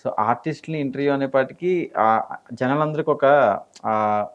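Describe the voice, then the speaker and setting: A man's voice: medium pitch, moderate pace, clear, resonant tone. A man hosting a studio interview, greeting viewers and asking polite questions. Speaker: interview host. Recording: dull lo-fi studio audio.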